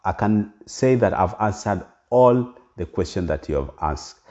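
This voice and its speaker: A middle-aged Kenyan vlogger with a Kenyan accent talks earnestly and casually straight to camera, full of ums and restarts. His voice is lowish and dark in tone, animated yet unhurried. The lo-fi recording sounds dull.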